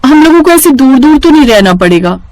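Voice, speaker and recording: Young wife in a storybook drama, lively and sharp, dry close sound, voiced by a woman. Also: high-pitched, brisk, no room sound, pitched above the performer's own voice. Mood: pleading. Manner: snappy, emotional, lively.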